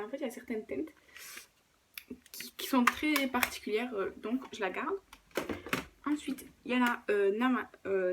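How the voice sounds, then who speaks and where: A woman's voice: on the high side, background noise. A woman vlogger talking casually through her makeup collection at home, hesitating often and correcting herself. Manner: chatty, lots of hesitations and self-corrections. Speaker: beauty vlogger. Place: at home, filming with a camera on a tripod. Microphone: camera mic on a tripod.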